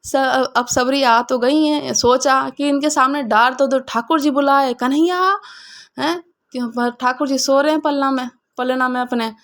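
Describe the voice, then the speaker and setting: Lively woman telling a devotional story. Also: high-pitched, normal speed, few pauses. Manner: lively, voices quoted characters, conversational.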